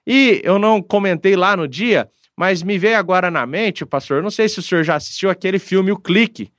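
High-voiced earnest Brazilian-Portuguese-speaking man. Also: brisk, a bit bright, no room sound, clean studio sound. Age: adult, father of a daughter. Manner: earnest, reflective, frequent hesitations. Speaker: guest speaking with a pastor. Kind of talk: casual conversational talk.

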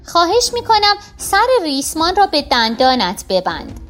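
A flustered little rabbit pretends to be a healer in a children's tale, voiced by a woman, pleading in a high voice that leaps up and down. Faint music plays underneath. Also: big pitch swings, fairly bright tone. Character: timid rabbit posing as a wise healer. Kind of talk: storybook character voice.

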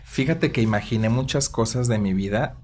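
A man's voice: mid-range voice, moderate pace, a little mellow, slight background noise. A Mexican man in his thirties, a podcast guest talking casually, jokey at times and openly sentimental. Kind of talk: casual interview.

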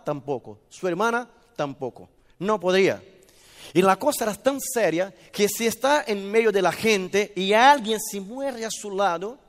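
Lively high-voiced male preacher in a hall. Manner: lively, asks the audience questions, acts out little scenes. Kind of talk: sermon. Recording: reverberant hall.

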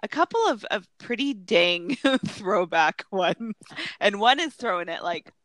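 A woman podcast co-host with a bright voice that swings widely in pitch. She chats casually and playfully in a giggly, halting way, sounding close and dry. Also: animated, dry recording. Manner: informal, playful, giggly, frequent hesitations. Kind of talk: casual chat.

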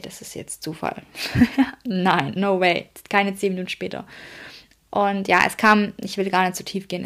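A woman's voice: mid-range voice, creaky. A woman coach telling a personal story in an emotional way, speaking directly to her listeners. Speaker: self-employed coach.

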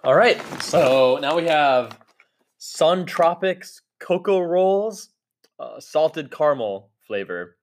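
A young man hosting a snack review podcast, chatting casually and giving animated, opinionated takes. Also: a little high, takes it slowly. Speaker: podcast host. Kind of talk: casual chat.

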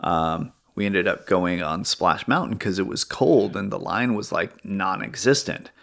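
A man's voice: deep voice, unhurried, creaky, fairly bright tone. A man hosting a podcast, telling a story in a rambling, hesitant way over casual chat. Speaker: podcast host.

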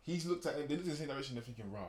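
A man's voice: fairly high pitch, very fast, a little mellow. Young London roadman, slangy and emphatic. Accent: London roadman slang accent. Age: young adult. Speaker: podcast co-host. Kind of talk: casual group chat.

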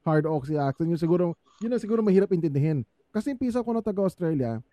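Animated man, dry close sound. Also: on the high side, fast talker, no room sound. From Philippines. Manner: lively, laughs often, animated storytelling. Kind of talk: casual chat mixing Tagalog and English.

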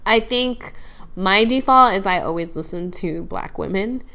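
A woman's voice: mid-range voice, animated, unhurried, pushed and bright. A woman co-hosting a podcast in casual conversation, thoughtful and hesitant, with many fillers and restarts. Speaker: podcast co-host.

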